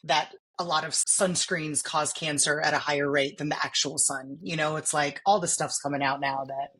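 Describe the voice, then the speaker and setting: A woman's voice: deep voice, fairly even intonation, moderate pace, fairly bright tone, husky. A woman co-hosting a podcast, chatting casually in an enthusiastic, emphatic way. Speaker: podcast co-host. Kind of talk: casual chat.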